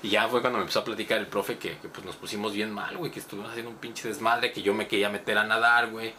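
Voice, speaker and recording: Man, Mexican accent, casual storytelling, laughs and swears, bright voice. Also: fairly low pitch, very fast, a little hiss or hum. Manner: animated, laughing, swears often. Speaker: podcast host.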